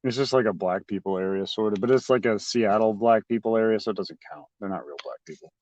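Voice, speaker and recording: A man's voice: on the low side, fast, darkish tone, dry recording. A man streams live to his chat while out on city streets, wandering from thought to thought with plenty of swearing and filler words. His voice sits in a dry, close pickup from his phone, slightly dull and lo-fi. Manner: offhand, profane, rambling with many fillers. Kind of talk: casual rambling chat. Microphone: phone held by the streamer.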